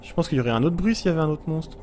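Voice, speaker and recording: A man narrating his own let's play, his fairly high voice swinging up and down in pitch. He is jumpy and easily frightened, yelping at threats and chatting to the creatures. A faint hum sits under the recording. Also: lively intonation, very fast, darkish tone. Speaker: gaming YouTuber.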